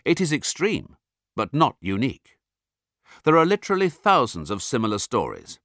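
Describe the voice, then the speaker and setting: A man's voice: medium pitch, wildly swooping pitch, fairly bright tone, dry recording, clean studio sound. Emphatic man narrating an audiobook. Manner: emphatic, deliberate, persuasive.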